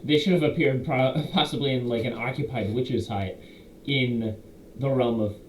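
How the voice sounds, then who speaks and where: Rambling young man in an echoey room. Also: medium pitch. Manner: rambling, self-correcting, quotes players in quick asides. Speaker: game master recapping a campaign. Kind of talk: casual recap monologue. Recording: roomy echo, faint background hiss.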